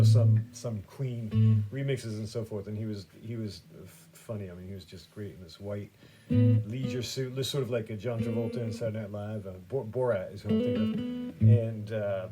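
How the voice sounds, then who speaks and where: A man hosting a podcast, telling a story casually, rambling with many fillers and restarts, swinging between quiet and loud. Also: lowish voice. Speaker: podcast host.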